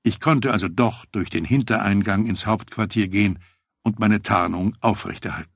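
A man narrates a first-person memoir in a measured, matter-of-fact way. His voice sits low and carries a husky grain. The recording is close and dry, with no room sound. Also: dry recording. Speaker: audiobook narrator.

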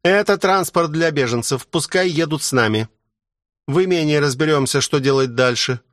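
A sharp-tongued older sister who scolds bluntly and speaks her mind, done by a man reading aloud. Her voice sits raised above the reader's own. The sound is dry and close-miked. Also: a little high, normal speed, no room sound, voice pushed up, lightly acted. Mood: stern. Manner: brusque, scolding.

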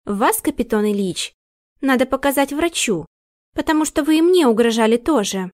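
A woman's voice: sits high, expressive, normal speed, a little mellow, no room sound, studio quality, pitched above the performer's own voice. A woman voicing a young actress who accuses the butler in an insistent, cutting manner. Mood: accusing. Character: sharp-tongued young actress.

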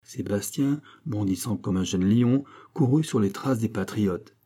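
A man narrating a classic novel as an audiobook reader, in a measured, expressive storytelling manner. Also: on the low side, slightly rough.

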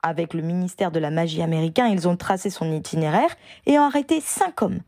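A woman's voice: lowish voice, fairly quick, dry recording, studio quality. Woman doing an eager young witch. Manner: eager, animated. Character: young adult female auror, lively and brave.

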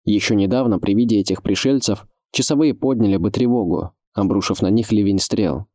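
A man giving measured, scripted audiobook narration. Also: lowish voice, a little mellow, no room sound, studio quality.

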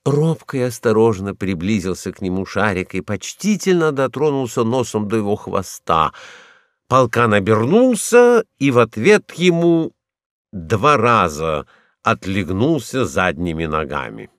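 A man's voice: lowish voice, big pitch swings, a little slow, no room sound, studio quality. A man narrating a storybook, reading expressively.

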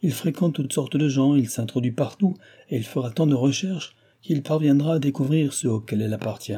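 A man's voice: medium pitch, a little fast, warm tone, slightly rough, natural voice. A man reading the part of a practical, middle-aged pawnbroker's wife in an audiobook. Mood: matter-of-fact.

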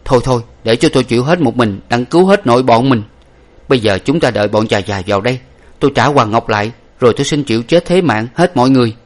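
A man voicing a brave young hero who laments loudly and blames himself. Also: medium pitch, expressive, fast talker, pitched above the performer's own voice, lightly acted. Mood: lamenting. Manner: lamenting, declamatory. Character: brave young male hero, grieving and self-blaming.

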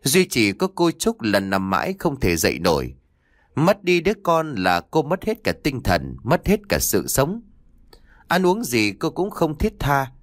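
A man narrating a spoken story, his voice rising and falling in a lively, dramatic sweep. The recording is dry and close, with no room sound. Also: mid-range voice, measured pace, no echo. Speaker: audiobook narrator.

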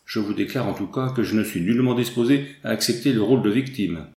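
Un homme lisant un jeune mari fier et têtu. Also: male voice, fairly low pitch, fast talker, darkish tone, natural voice. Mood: defiant. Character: young husband, proud and stubborn. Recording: roomy echo.

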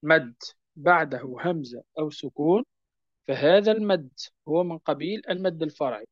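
A man teaching a lesson on Quran recitation rules, patiently repeating key points and slowing down to recite verse examples. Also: fairly high pitch, no room sound, lo-fi sound. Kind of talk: explanatory lesson on tajweed.

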